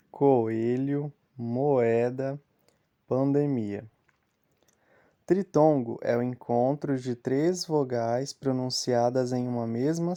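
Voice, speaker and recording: A young man teaching children a grammar lesson, explaining slowly and step by step. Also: mid-range voice, dark tone.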